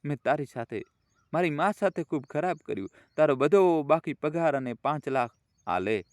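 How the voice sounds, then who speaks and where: A man's voice: fairly high pitch, expressive, moderate pace, dry recording, clean studio sound, voice pushed up, close to an everyday voice. A man doing a remorseful, hot-tempered son. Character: middle-aged son, remorseful and quick-tempered.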